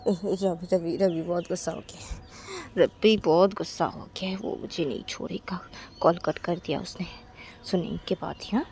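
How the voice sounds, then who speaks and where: A woman's voice: fairly low pitch, fairly even intonation, normal speed, a little mellow, close to an everyday voice. Woman doing a panicky frightened young man. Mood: fearful. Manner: whiny, panicky, pleading.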